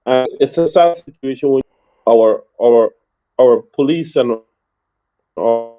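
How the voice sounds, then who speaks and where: A man's voice: mid-range voice, slow pace, warm tone, faint music behind. A man speaking earnestly on a remote call, repeating words as he goes, with buzzy, glitchy, breaking-up call audio. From Guyana. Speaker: call-in panelist. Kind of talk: opinionated commentary over a video call. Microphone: remote video call. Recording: muffled lo-fi call line.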